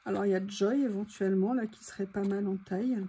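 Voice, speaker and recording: This woman talks quickly in a steady, warm, slightly rough medium-pitched voice while casually chatting through a craft video and thinking aloud. She clears her throat as her voice starts to go. The recording carries faint background noise.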